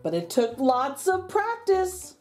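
With faint music behind her, a middle-aged woman uses a high, slightly mellow voice full of big pitch swings to read a picture book to children. She reads theatrically and rhythmically, lingering on line endings, as a story reader and channel host.

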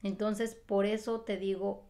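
A woman's voice: medium pitch, flat delivery, measured pace, dark tone. A woman gives an emphatic motivational talk to camera, repeating phrases and asking rhetorical questions. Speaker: motivational vlogger.

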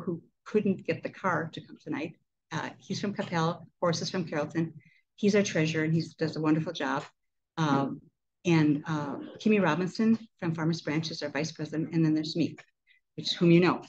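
This is a club president in her sixties leading a meeting in an indoor room, speaking casually through a handheld mic with chatty talk and laughing asides. Her voice sits low and moves at a normal speed. A webcam at a distance catches it all, with dull audio and slight background noise.

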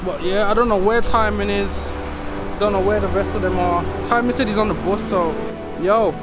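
High-voiced young British man vlogging over music. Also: normal speed. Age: young adult. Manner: excited, slangy, repeating catchphrases. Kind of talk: casual vlog chat to camera with heavy slang. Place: on the move in a car and outdoors by roads. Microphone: handheld camera at arm's length. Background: loud music and vehicle noise.

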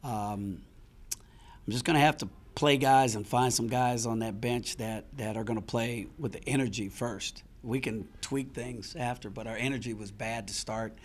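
Speaking at normal speed in a mid-range voice, a middle-aged man who coaches basketball answers questions after the game, frank and somewhat frustrated, restarting phrases while thinking. The setting is a press room with a sponsor backdrop, and he talks into a handheld mic on a stand close by.

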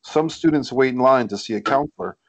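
A man with a gravelly, mid-range voice briskly reads the scene headings and stage directions for a screenplay table read. The session is an indoor group video call. He's recorded through a computer or headset microphone.

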